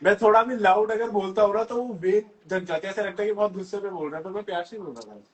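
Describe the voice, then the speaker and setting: A young man from North India hosts a casual social media live stream on his phone, reading fan comments aloud and answering them chattily while mixing Hindi and English. His voice is high and quick, and the audio is poor.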